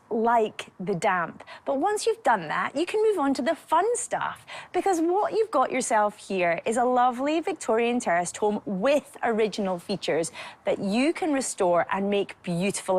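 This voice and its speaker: A woman presenting a property show, interviewing a buyer in a teasing, playful way and laughing often. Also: medium pitch. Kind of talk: light-hearted interview.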